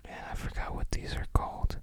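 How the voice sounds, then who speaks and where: Breathy and fully whispered, this ASMR host's delivery feels casual and reflective, much like relaxed unboxing commentary. Each comment is tentative, a hushed stream of thoughts spoken aloud.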